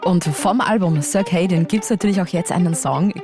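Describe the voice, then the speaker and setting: Eine Radiomoderatorin mit österreichischem Akzent, die im Studio gut gelaunt und locker plaudernd ein Interview führt. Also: female voice, lowish voice, moderate pace, over music. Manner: upbeat, chatty. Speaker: radio host.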